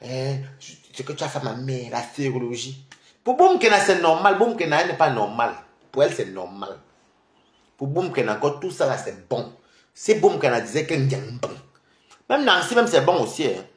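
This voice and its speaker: Male streamer; animated, scornful gossip commentary with lots of repeated words, in a roomy, echoing space. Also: medium pitch, moderate pace. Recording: roomy echo.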